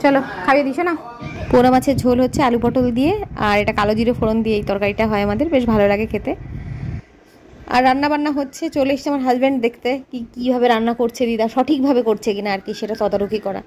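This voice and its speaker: Woman, quick chatty vlog talk, slightly high voice, noisy home recording. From West Bengal, India. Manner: chatty, explains household tasks to the camera. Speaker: lifestyle vlogger. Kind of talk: casual vlog narration. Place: family home, indoors and on the road. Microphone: handheld phone camera. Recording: home recording with loud background noise.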